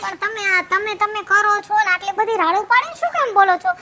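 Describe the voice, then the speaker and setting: A woman's voice: very high voice, animated, fast talker, noisy background. A woman playing a bossy, sarcastic wife who works in an office and nags her husband in a comedy skit. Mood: bickering.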